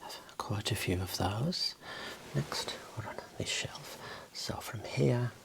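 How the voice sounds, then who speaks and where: A man speaking in a soft, breathy whisper, giving an unhurried ASMR tour of his book collection. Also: lowish voice, animated. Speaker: host showing own book collection.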